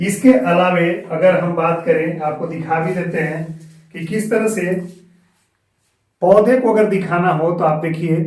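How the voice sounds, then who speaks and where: A man's voice: on the high side, darkish tone, far from the mic. A man teaching a school geography lesson step by step, often repeating each term in Hindi and English. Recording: very echoey room, voice from off-mic.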